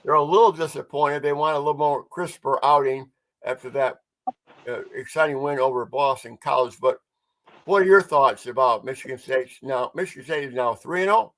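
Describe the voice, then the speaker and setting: A man's voice: medium pitch, normal speed, poor audio. A man co-hosting a casual sports podcast, talking with mumbled articulation as if he had marbles in his mouth.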